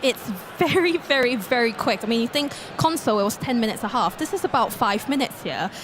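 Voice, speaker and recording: A woman from Singapore gives colour commentary on a live esports match. She talks in a chatty, enthusiastic way with a high voice. Clear background noise runs under her. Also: expressive, fairly quick.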